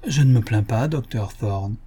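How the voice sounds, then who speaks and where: A man's voice: mid-range voice, animated, moderate pace, mellow, husky. A man voicing a haughty, scheming aristocratic mother who talks in a sugary, insistent, lofty tone, reading an audiobook novel. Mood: lofty, stern.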